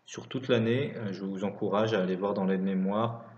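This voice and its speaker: Male maths teacher for lesson voice-over, lower-middle everyday pitch, dictates piece by piece, roomy and slightly dull recording. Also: fairly even intonation, fairly quick, darkish tone. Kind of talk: scripted lesson narration.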